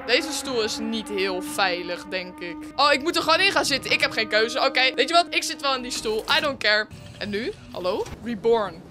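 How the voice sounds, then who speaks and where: A woman's voice: a little high, lively intonation, moderate pace, music in the background. A woman hosting a horror game let's play, narrating her moves and exclaiming at every scare. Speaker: gaming video host.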